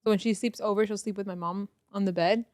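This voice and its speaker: Laughing, animated woman podcaster. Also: mid-range voice, fast talker, no echo, clean studio sound. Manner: animated, laughing, swearing freely. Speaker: podcast co-host. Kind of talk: casual chat.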